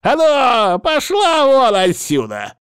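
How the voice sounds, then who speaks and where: A man voicing an irritable old male healer who shouts and drags out his words. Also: fairly high pitch, sing-song, creaky, dry recording, studio quality, pitched above the performer's own voice, heavily acted. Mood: furious. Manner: shouting, strained and drawn-out.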